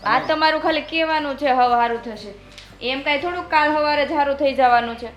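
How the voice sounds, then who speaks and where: An actress playing a spoiled young daughter-in-law who refuses housework, in a short drama. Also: female voice, high voice, fairly quick, reverberant, natural voice. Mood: defiant. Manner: defiant, dismissive.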